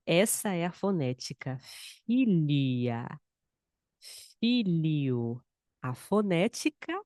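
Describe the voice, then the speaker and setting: A woman's voice: low-pitched, warm tone, dry recording, studio quality. A woman with a Brazilian accent teaching Portuguese in an online lesson, patiently repeating words and mixing in Spanish. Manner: mixes Spanish and Portuguese mid-sentence. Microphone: screen-shared recording, close mic.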